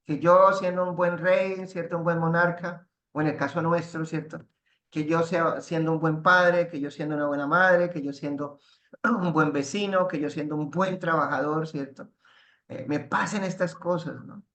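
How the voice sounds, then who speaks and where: A man teaching a spiritual class, halting and restarting, ending phrases with tag questions. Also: fairly high pitch, steady tone, fairly bright tone. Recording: roomy echo.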